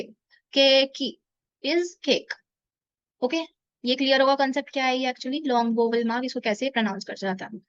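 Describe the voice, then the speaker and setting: High-voiced woman teaching slowly. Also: dry recording, dull audio. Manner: explains patiently, repeats words slowly and drawn out. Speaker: Japanese language teacher. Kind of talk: explaining a beginner lesson in Hindi-English mix.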